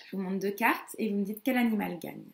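Une enseignante qui parle à de jeunes enfants et scande lentement les syllabes des mots avec une intonation chantante. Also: female voice, medium pitch, gravelly, reverberant. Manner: slow, syllable-by-syllable counting with sing-song emphasis. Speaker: kindergarten teacher. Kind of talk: teaching young children.

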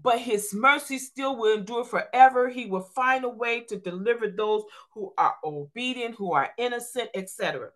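A woman's voice: on the high side, moderate pace, hardly any pauses, fairly bright tone. A woman preaching a church sermon, reading scripture aloud, explaining it in plain folksy talk and calling out to the congregation. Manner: calls out to the congregation; informal, folksy phrasing.

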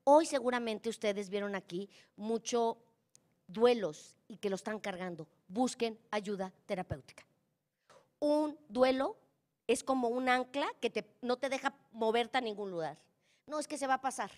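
A woman's voice: a little high, normal speed, darkish tone. A middle-aged woman with a Mexican accent gives a motivational conference talk. She speaks colloquially and teases the audience, addressing them directly.

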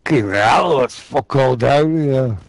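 A man's voice: mid-range voice, takes it slowly, gravelly, dry recording. A man chatting over a headset as a teammate in a game, laid back and sweary. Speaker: gaming teammate. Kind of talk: casual gaming party chat.

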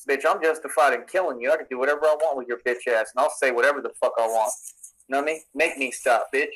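A man ranting in a tense, sharp voice, swearing and making threats. He talks with swagger and aggression, his pitch sitting in an ordinary middle range. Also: low-quality recording. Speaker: YouTuber in played clips.

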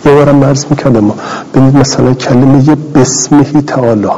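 A man's voice: medium pitch, fairly even intonation, dark tone, dull audio. A middle-aged male cleric gives a scholarly commentary lecture, reading Arabic text aloud and explaining it in plain, repeated Persian. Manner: repeats and rephrases phrases for clarity.

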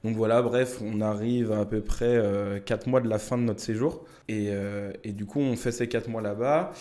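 A man's voice: on the low side, steady tone, moderate pace, warm tone. A young man casually telling travel anecdotes to camera, chatty and full of fillers, speaking straight to his viewers. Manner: chatty, many fillers, addresses viewers directly.

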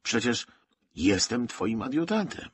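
A man voicing a calm, wry young soldier in an audiobook who reassures his friend. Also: medium pitch, takes it slowly, slight background noise, pitched above the performer's own voice.

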